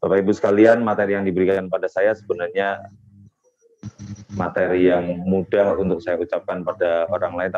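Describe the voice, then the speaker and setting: Deep-voiced man in his forties, lo-fi call. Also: a little mellow. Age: 40s. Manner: unhurried, hesitant, frequent fillers and tag questions. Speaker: lecturer and webinar speaker. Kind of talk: webinar talk to parents.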